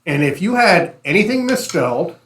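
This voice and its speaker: Man, slightly high voice, casual storytelling, panel discussion, echoey room. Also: very animated, normal speed, fairly bright tone. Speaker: podcast panelist on policing.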